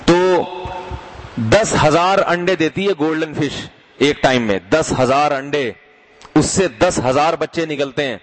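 Middle-aged guy preaching, kinda high voice, lively, keeps asking the crowd questions. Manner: lively, rhetorical questions, addresses listeners as brothers. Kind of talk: sermon.

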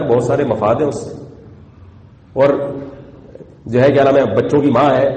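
A man preaches as a cleric, talking conversationally and checking with his listeners through rhetorical questions. His voice is mellow and a little high. It rings in an echoey hall with a long reverb. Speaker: Islamic cleric. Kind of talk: sermon.

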